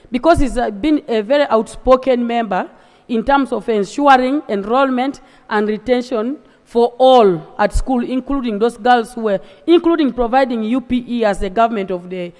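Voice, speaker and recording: Impassioned Ugandan woman in a reverberant chamber. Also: fairly high pitch. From eastern Uganda. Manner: impassioned, emphatic. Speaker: legislator. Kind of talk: parliamentary speech. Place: large assembly chamber. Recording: long reverb of a large chamber.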